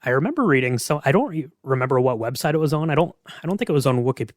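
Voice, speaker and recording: On a podcast, a man with a mid-range voice chats casually about game lore, explaining things tentatively and hedging as he goes. He talks rapid-fire and animated, and the recording is dry.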